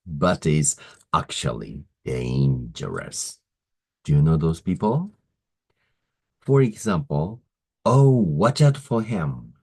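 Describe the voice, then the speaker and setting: A man teaching English idioms in a slow, explanatory lesson, pausing often with "uh" as he works through examples. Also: a bass voice, creaky, a little mellow, slightly rough, poor audio. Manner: deliberate, pausing, frequent "uh" fillers.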